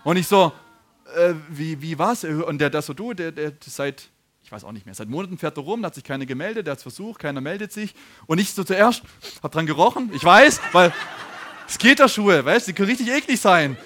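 Man, preacher, high voice, storytelling sermon. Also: animated, fairly quick, bright, forceful tone. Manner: storytelling, laughing, asks the congregation questions.

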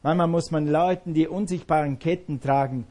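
A man's voice: fairly high pitch, steady tone, moderate pace, dark tone. A male pastor preaching a sermon, emphatic and repeating his key phrases.

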